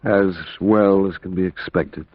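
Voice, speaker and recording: Theatrical doctor, echoing old radio. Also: male voice, low-pitched, fairly even intonation, measured pace, narrow, tinny audio. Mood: surprised. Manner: formal, incredulous, theatrical. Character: educated, sceptical, overwrought male asylum doctor. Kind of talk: old-time radio drama acting.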